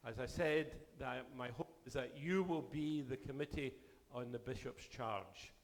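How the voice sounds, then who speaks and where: A Canadian man serving as bishop gives a formal address to a church assembly, speaking at a measured pace with sentences that trail off. His voice is mid-range, and he's losing it.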